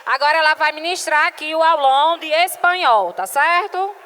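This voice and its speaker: Brazilian woman, event host on stage, high bright voice, faint room noise. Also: normal speed. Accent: Brazilian Portuguese. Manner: announces the next teacher and calls for applause. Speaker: event presenter.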